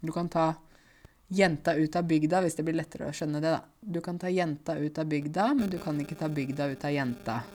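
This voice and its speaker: Woman from rural Norway, language teacher for learners; deep voice, careful and clear with filler sounds. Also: fairly even intonation, darkish tone.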